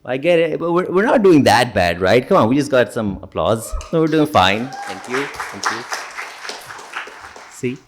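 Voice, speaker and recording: A man's voice: medium pitch, sing-song, normal speed, some chatter behind, a little hiss or hum. A young man with a Pakistani accent hosting a ceremony, moving between formal thanks and playful, teasing banter. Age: young adult. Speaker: event host.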